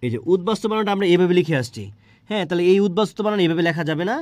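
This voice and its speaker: A man's voice: sits high, animated, very fast, darkish tone, no echo. A man teaching a spelling lesson for exam preparation, asking his students questions and answering them himself.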